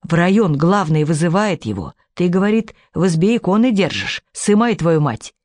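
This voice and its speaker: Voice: medium pitch, big pitch swings, moderate pace, darkish tone, dry recording, clean studio sound, lightly acted. A man reading a storybook, voicing an old village woman with folksy rural speech. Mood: wistful. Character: old village woman telling her war memories.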